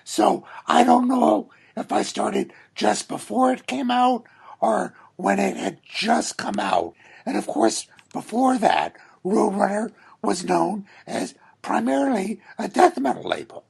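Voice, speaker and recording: A man hosting a podcast with a hoarse voice, trading joking, profane banter in casual chat. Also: high-pitched, animated, slow pace. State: hoarse, losing his voice. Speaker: podcast host.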